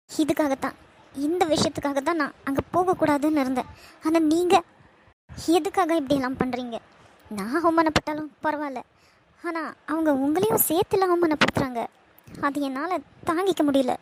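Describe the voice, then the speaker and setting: A woman's voice: sits high, noisy background, close to an everyday voice. A woman voicing a hurt young bride, crying and reproachful, with a Kanyakumari Tamil accent. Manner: reproachful, pleading.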